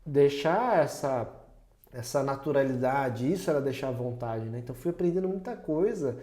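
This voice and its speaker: A man chats on a podcast in a reflective, storytelling way, often breaking into laughter at himself. His voice sounds mellow and dark. The room adds a noticeable echo around him. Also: medium pitch, lively intonation, moderate pace. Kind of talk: casual podcast conversation. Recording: roomy echo.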